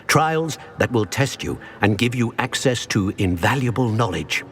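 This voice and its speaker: An actor playing an ancient, solemn wizard in a video game, a wise mentor speaking in a measured, formal and grave manner. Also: male voice, medium pitch, animated, fairly bright tone. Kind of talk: scripted game dialogue.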